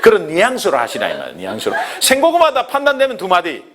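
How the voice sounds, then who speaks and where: A man who is a pastor, teaching an evangelism class in an animated way, acting out little dialogues and laughing along. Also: high voice, fast talker, heavy background noise.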